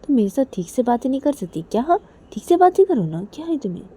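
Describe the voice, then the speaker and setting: A teasing, insistent young woman, played by a woman reader, who keeps pressing her partner with the same questions. The voice sits well above an everyday register and comes out loud and mellow. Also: sing-song, quick pace, a little hiss or hum. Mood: teasing, pleading. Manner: high-pitched, pleading, repetitive questioning.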